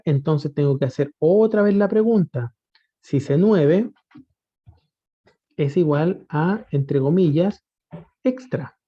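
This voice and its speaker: A man teaching a spreadsheet lesson, patiently asking rhetorical questions and often checking that students follow. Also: on the high side. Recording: dull lo-fi recording.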